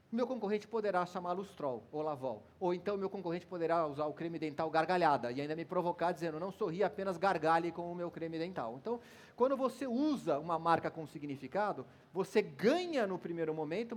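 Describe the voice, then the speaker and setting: A middle-aged Brazilian man giving an informal, lively marketing lecture, telling stories with examples. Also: sits high. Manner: conversational, lively storytelling with brand examples.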